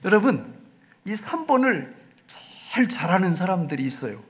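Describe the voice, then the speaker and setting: A man's voice: high voice, very animated, normal speed, a little hiss or hum. A male pastor preaching a sermon emphatically, often putting questions to the congregation.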